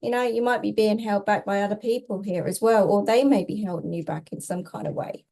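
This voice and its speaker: A woman with a warm, relaxed voice of average pitch delivers a tarot reading as casual spiritual guidance. She is reassuring yet emphatic, stacking short phrases and repeating them to press the message home. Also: fairly quick, vocal fry. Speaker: tarot reader, host.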